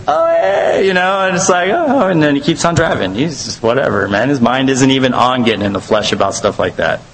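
A man's voice: medium pitch, fairly bright tone, rough recording. Man teaching a casual Bible study. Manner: conversational, rambling, lots of fillers.

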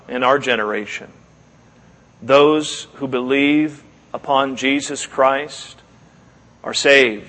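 A man preaching as a pastor, closing a sermon with earnest, measured exhortation, pausing and repeating his phrases. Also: fairly high pitch, a bit bright. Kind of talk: sermon with closing prayer and altar call. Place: church service, speaking to a congregation. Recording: long echo of a large room.

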